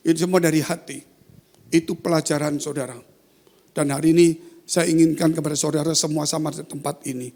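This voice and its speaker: A pastor preaching a sermon, telling a story and swinging from quiet asides to loud, high exclamations. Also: male voice, steady tone, fairly quick, gravelly.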